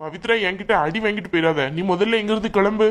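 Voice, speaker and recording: A woman's voice: mid-range voice, fast talker, natural voice. A woman voicing an angry young married man in a cartoon, demanding answers from his mother. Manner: shouting, demanding. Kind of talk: cartoon voice acting.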